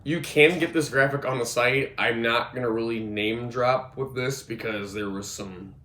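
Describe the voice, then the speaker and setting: At a normal speed, this skateboarding vlogger in his twenties pushes his medium-pitched, bright voice through cold-induced hoarseness in a casual, rambling gear walkthrough with many fillers and restarts. He moves around an echoey room with a gym mat as the phone or camera follows.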